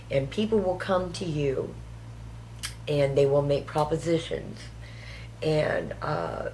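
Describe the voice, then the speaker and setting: Low-voiced woman, chatty interviewee. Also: a little mellow, slight background noise. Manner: chatty, acts out what others said to her. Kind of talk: documentary interview.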